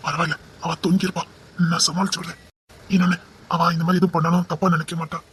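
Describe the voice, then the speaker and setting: In an audio drama, a woman voices a police officer who is also a heartbroken lover, using a Tirunelveli Tamil accent. She speaks fast in a hushed, urgent tone that shifts to mournful, her pitch fairly low with little movement and her acting light. There is a faint hiss or hum in the recording.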